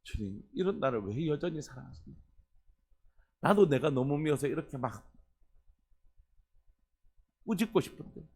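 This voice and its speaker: A pastor preaching an earnest early-morning sermon, putting questions to the congregation. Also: male voice, on the high side, a little mellow.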